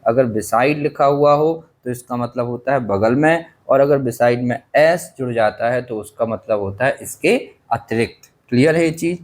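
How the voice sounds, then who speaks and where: A male teacher explaining an English chapter in a lesson, pausing to ask his class rhetorical questions and coughing now and then. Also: medium pitch. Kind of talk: Hindi-medium English literature lesson.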